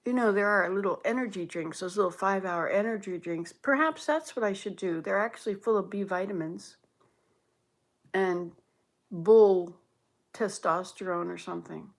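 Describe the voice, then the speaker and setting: A woman's voice: mid-range voice, moderate pace. Rambling woman in her sixties. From Canada. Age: 60s. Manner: rambling, musing aloud, reads comments and answers them. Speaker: livestream host. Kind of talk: casual livestream chat reading viewer comments.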